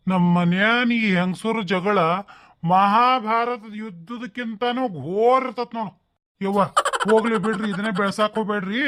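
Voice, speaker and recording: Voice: mid-range voice, fairly even intonation, normal speed, fairly bright tone, lightly acted. A performer voicing a lazy, boozy old village father-in-law in a cartoon comedy, grumbling in a North Karnataka Kannada accent. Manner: grumbling, complaining.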